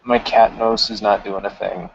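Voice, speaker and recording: A man's voice: fairly low pitch, fairly even intonation, moderate pace, gravelly. A man playing a tabletop game, asking hesitant questions full of fillers. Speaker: tabletop player. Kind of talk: casual role-play chat. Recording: dull lo-fi sound with faint noise.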